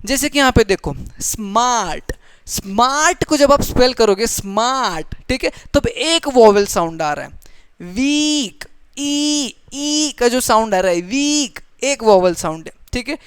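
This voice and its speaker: A woman teaches a grammar lesson with a smooth, clear voice. She goes patiently, repeats key points and keeps checking that her listeners follow. The sound is dry and close. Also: a little high, animated, normal speed, few pauses, no echo. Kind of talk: grammar lesson mixing Hindi and English.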